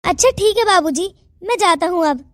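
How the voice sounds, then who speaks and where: A woman's voice: extremely high pitch, lively intonation, normal speed, no room sound. A woman voicing a loyal, eager young male servant in a cartoon, speaking respectfully and eager to please.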